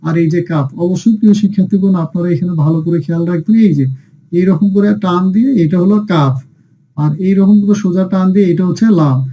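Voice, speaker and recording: A man's voice: high voice, fast talker, warm tone, muffled recording. A man teaching an online lesson on reading Arabic letters, drilling each sound by asking and answering himself and repeating it patiently. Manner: patient, addresses dear students often.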